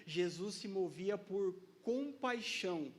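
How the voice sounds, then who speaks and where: A man's voice: high-pitched, expressive, slow pace. A man with a Brazilian Portuguese accent preaching a sermon in a casual, joking way, laughing often and calling out to the congregation.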